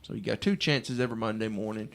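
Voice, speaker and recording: Male radio host, mid-pitched with a creaky edge, folksy and casual, running an on-air contest promo. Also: fast, a bit bright. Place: radio studio.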